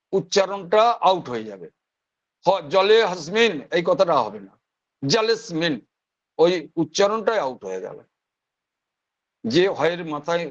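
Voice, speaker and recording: Man, West Bengal accent, fairly high voice, teacher of priestly rites, step-by-step explanations, repeats sounds to demonstrate them, dull lo-fi audio. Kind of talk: online class lecture.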